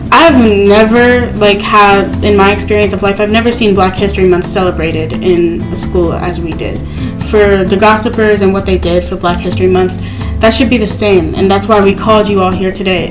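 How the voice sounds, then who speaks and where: A woman's voice: medium pitch, poor audio. A teenage girl, student host, talking casually with lots of fillers. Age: teens. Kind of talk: casual panel talk.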